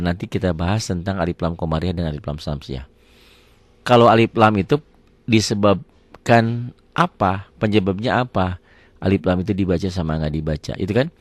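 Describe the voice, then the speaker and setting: A man's voice: deep voice, no room sound. A middle-aged man teaching a Quran recitation lesson, patiently repeating words aloud and asking questions he answers himself. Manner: asks the class questions and answers them himself. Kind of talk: tajwid lesson.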